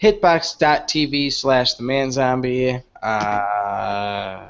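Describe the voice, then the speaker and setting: A man's voice: medium pitch, fairly even intonation, slow, clear, resonant tone. A man co-hosting a podcast, laid-back and laughing easily as he plugs his channels. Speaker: podcast co-host. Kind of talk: casual podcast banter. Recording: dull lo-fi livestream audio.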